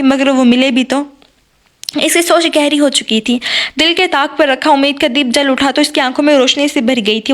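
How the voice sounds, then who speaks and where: Woman w/ a high voice reading a romance novel out loud, does all the dialogue herself, trips over words now and then. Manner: reads all characters herself, occasional stumbles and restarts. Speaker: narrator.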